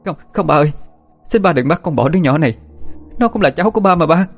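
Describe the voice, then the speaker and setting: A pregnant young woman in a storybook tale, pleading in a high, hurried, frightened voice, as a male narrator puts her on. She begs desperately, words tumbling out fast. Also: lively intonation, faint music behind. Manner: desperate begging, rising to cries.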